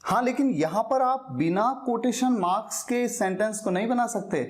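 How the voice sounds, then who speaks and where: A man teaching an English lesson, explaining step by step and slowly repeating key words. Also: sits high.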